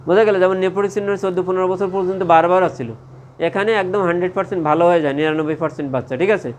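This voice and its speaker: A man's voice: high voice, steady tone, very fast, a little hiss or hum. A man giving a medical lecture to a class. He asks questions and answers them himself, and keeps checking that the class follows.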